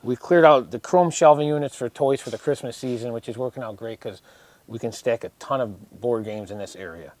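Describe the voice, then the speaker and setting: Matter-of-fact man, medium pitch, dry sound. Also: a little fast, darkish tone, no echo. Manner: matter-of-fact, practical explaining. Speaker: warehouse business owner giving a tour. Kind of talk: casual tour chat. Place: indoors, large warehouse storage aisle.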